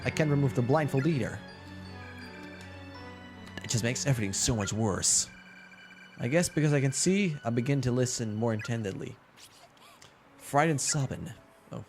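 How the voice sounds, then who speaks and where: A man reads a horror game's text aloud on a live stream, throwing himself into the first-person narration. His pitch rises and falls in lively swings, and he drops in dry asides. Soft music plays faintly behind him. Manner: dramatic first-person reading with wry asides.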